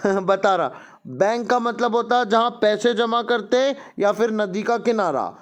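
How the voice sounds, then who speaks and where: A man with an Indian accent and a high-pitched voice runs a children's English lesson. He speaks slowly and deliberately, drilling each word before explaining it in Hindi. His tone is that of a coaching tutor addressing his students. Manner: promotional asides to paying students. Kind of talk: teaching a class-one English lesson in Hindi and English.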